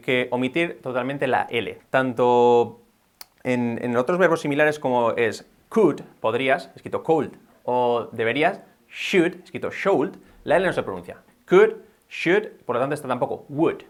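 A man teaching English in a bilingual video lesson, repeating words slowly as drills. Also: medium pitch, animated.

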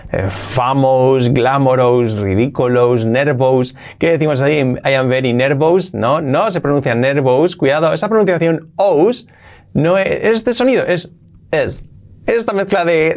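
Lively man teaching pronunciation. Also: on the high side. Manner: lively, repeats words slowly to demonstrate sounds. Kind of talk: casual bilingual lesson.

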